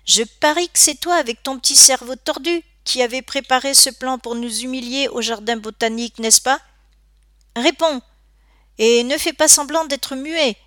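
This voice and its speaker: A woman's voice: high-pitched, moderate pace, fairly bright tone, no room sound, clean studio sound, voice pushed up. A woman doing a taunting teenage bully boy. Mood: menaçant. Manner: taunting, aggressive.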